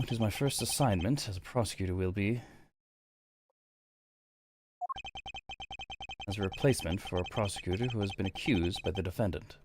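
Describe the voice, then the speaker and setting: A man's voice: low-pitched, noisy background, natural voice. A man playing an earnest, formal nineteen-year-old rookie prosecutor in a video game, precise and deferential. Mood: formal, reflective. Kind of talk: video game voice-over read aloud.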